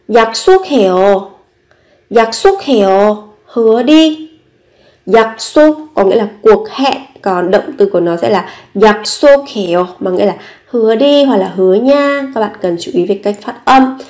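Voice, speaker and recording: A woman's voice: medium pitch, darkish tone. A woman teaching a language lesson, patiently repeating each phrase and explaining it step by step. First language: Vietnamese.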